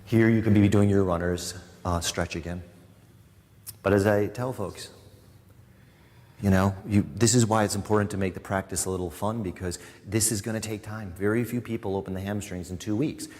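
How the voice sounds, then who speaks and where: Low-voiced man leading yoga in reverberant studio. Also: normal speed. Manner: chatty, joking asides between calm cues. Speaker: yoga instructor. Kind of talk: guiding a live yoga class. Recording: long reverb in a studio room.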